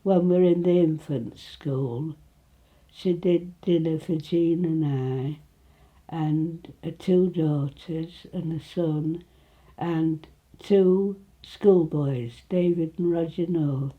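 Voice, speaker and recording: A woman in her nineties with an East Midlands English accent, reminiscing informally in a halting way, with phrases that trail off. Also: low voice, dull audio. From Retford, England. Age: 90s. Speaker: interviewee recalling her life.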